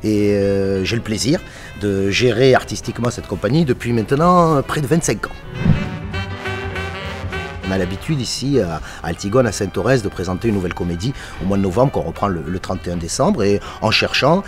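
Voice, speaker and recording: A man's voice: on the low side, lively intonation, fairly quick, over music. A man in his forties, a theatre director, talking enthusiastically and emphatically in an interview. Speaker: theatre company artistic director. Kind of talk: interview talk. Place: seated in an empty theatre auditorium.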